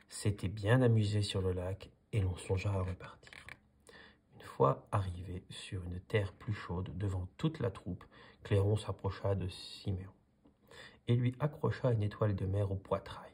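A man calmly reading a children's story aloud in a soothing manner. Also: low voice, slightly rough. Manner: calm, soothing. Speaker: storybook reader. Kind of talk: calm read-aloud story.

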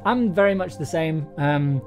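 A young man who makes audio dramas and hosts livestreams chats casually from a small room at home, his voice on the high side and unhurried. He rambles and hesitates, often cutting himself off to restart sentences, with faint music playing behind him.

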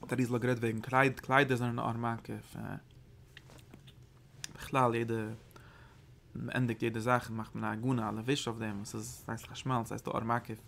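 A man giving a study lesson on mystical texts as a Torah teacher, talking in a halting, searching way and often repeating phrases. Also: mid-range voice, level tone, gravelly, a bit bright, a little hiss or hum.

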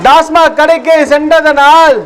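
A man's voice: very high-pitched, flat delivery, a little slow, soft background music. A man leading an anti-drug rally through a megaphone, chanting rhythmic slogans and repeating each line twice in a sing-song cadence. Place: outdoors on a street at a rally. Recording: noisy outdoor street with traffic and crowd.

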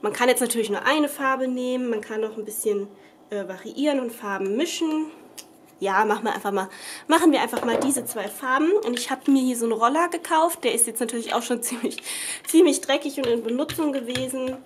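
A young craft vlogger with a cold briskly talks through a crafting demo at her table at home, chatty and rambling, with lots of fillers and self-corrections. Her voice sits a little high, and a faint hiss runs under the audio. The camera is above the table with her off screen.

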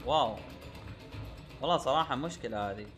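A man's voice: high-pitched, expressive, racing, pushed and bright, soft background music. A young man giving gameplay commentary, exasperated and repeating himself with frequent oaths. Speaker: gaming YouTuber.

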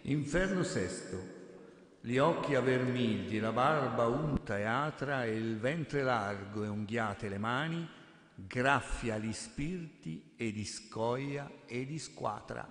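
A man on a quiz jury reading the questions aloud, slow and measured. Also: medium pitch, a bit bright. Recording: echoey hall, off mic.

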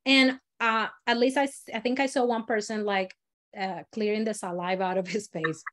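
A woman from Latin America leading a storytelling workshop, explaining exercises in an animated, demonstrative way. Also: normal speed, a little hiss or hum. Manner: animated, demonstrative, swings pitch and loudness while modeling voices. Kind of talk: teaching a live workshop.

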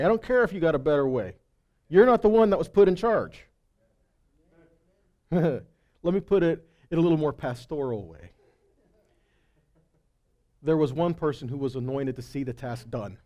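A Bible teacher and preacher, middle-aged, gives a live sermon into a headset microphone from an indoor stage in a hall or meeting room. His voice is a little high and dark in tone, animated, at normal speed with frequent pauses. He speaks in a conversational, emphatic way and checks in with his listeners.

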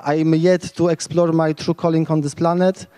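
This Polish speaker, in his thirties, talks at normal speed in a slightly high, warm, smooth voice with a flat delivery, and the sound is big and roomy. Holding a handheld mic at a hacker camp's large tent stage, he gives an informal lightning talk that rambles enthusiastically and keeps restarting.

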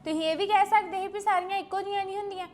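A woman playing a quarrelsome, sharp-tongued young wife in a family drama. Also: very high-pitched, steady tone, a little hiss or hum. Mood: indignant. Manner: fast, sharp and retorting.

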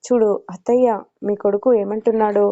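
A woman's voice: mid-range voice, fairly even intonation, moderate pace, lightly acted. A woman voicing a proud, irritable young bride who answers curtly. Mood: complaining. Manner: curt, irritated. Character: sulky young bride, sharp-tongued and proud. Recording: dull lo-fi recording.

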